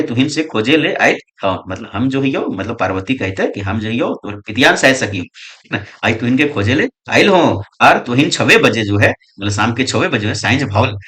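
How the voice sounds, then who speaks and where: A man's voice: medium pitch, a bit bright. A male teacher, reading lines of a story aloud and explaining each one, with constant tag questions. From Jharkhand, India. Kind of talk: exam-prep lesson explaining a story.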